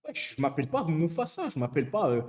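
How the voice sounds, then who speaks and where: A man's voice: a little high, big pitch swings, quick pace, a little mellow. A young man streaming live, joking and teasing his chat in casual slang. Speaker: Twitch streamer reading chat.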